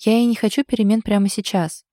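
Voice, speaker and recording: A woman reading a stubborn, sharp-tongued wife. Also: medium pitch, fairly even intonation, quick pace, no room sound, studio quality, pitched above the performer's own voice, close to an everyday voice. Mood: ironic stubborn. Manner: ironic, sulky, sharp. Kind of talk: audiobook character reading.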